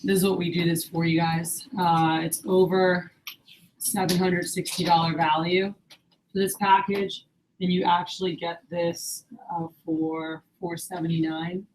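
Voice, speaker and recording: A woman's voice: on the low side, flat delivery, measured pace, a little mellow, slight background noise, low-quality recording. A woman leading a sales training meeting, coaching her team in an upbeat way and quizzing them on the steps.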